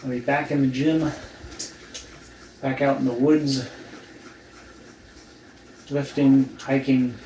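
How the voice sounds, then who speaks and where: A man talking casually in a recovery vlog, weak and sore after surgery, halting and trailing off with long pauses. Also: medium pitch, flat delivery, mellow, lo-fi sound. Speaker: vlogger documenting own surgery recovery. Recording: roomy, distant mic, faint background noise.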